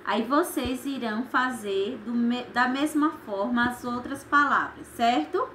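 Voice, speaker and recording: A woman with a Brazilian Portuguese accent teaching a primary school class, explaining each exercise slowly and patiently and checking in with "certo?" after her points. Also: a little high, bright, forceful tone, a little hiss or hum. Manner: slow, patient, tags lines with "certo?". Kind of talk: recorded remote class lesson.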